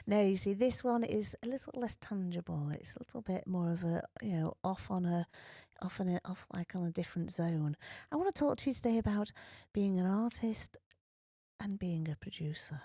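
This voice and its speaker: A woman's voice: medium pitch, normal speed, mellow, dry recording, clean studio sound. Teasing woman podcaster. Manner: teasing, giggly. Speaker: podcast co-host. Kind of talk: casual chat.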